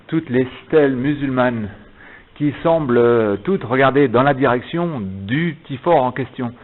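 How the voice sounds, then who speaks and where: A man's voice: medium pitch, a little hiss or hum. A man speaking an improvised, emphatic monologue to viewers, with repeated phrases, his voice echoing around a stone arcade. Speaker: vlogger filming himself on a visit. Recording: echoing stone arcade, dull narrow sound.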